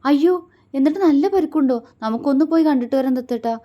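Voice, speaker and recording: An emotional young wife, high and pleading, sulky when hurt, as a woman narrator puts her on. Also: fast talker, darkish tone, natural voice. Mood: anxious.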